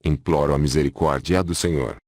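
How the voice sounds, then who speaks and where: Grieving mother imploring mercy, read by a man with a very deep, dry voice. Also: steady tone, brisk, darkish tone, dry recording. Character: grieving mother begging for her dying child.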